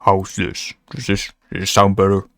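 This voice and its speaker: A man through a deep voice changer. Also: completely flat delivery, normal speed, a bit bright, no room sound, studio quality. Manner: testing how his voice sounds. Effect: voice changer lowering the voice. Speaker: card game streamer. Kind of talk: casual streaming chat.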